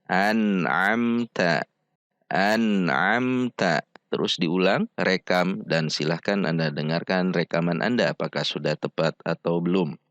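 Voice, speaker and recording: A man teaching Quran recitation, patiently repeating syllables slowly for practice. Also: deep voice, steady tone, no echo, lo-fi sound. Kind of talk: slow step-by-step pronunciation lesson.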